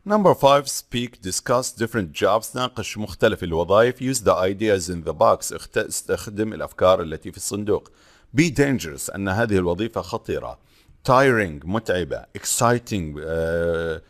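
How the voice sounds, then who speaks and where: A male teacher reading English textbook lines slowly and explaining each one in Arabic, with frequent hesitant pauses. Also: on the low side.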